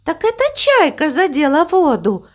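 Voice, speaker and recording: A woman doing a gentle, tender cow. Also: sits high, big pitch swings, unhurried, voice pushed up. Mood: soothing. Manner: soft, tender, soothing. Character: gentle calm motherly cow.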